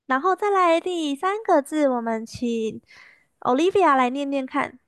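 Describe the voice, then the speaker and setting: High voiced lady teacher, patient, says each word slow and clear, dry close sound. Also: a bit bright, no echo. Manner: patient, repeats words slowly and clearly. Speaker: language teacher. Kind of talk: online language lesson.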